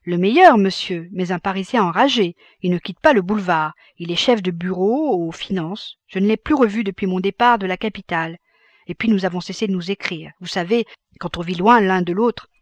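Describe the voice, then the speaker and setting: A man's voice: high-pitched, fairly quick, no room sound, highs cut off, close to an everyday voice. A woman voicing an eager old father. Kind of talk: audiobook reading.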